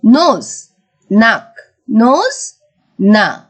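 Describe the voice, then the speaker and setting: A woman teaching a primary school English lesson, mixing English words with Bengali explanations and drawing words out slowly. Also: a little high, wildly swooping pitch, slightly rough, lo-fi sound. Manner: slow, drawn-out word-by-word teaching. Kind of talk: recorded classroom lesson.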